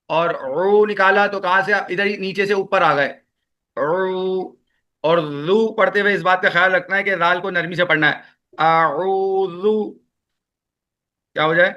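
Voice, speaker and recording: A man teaching Quran recitation in an online class, with a Pakistani Urdu accent, patiently repeating sounds slowly for students to echo. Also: sits high, fairly even intonation, bright, forceful tone, dull audio.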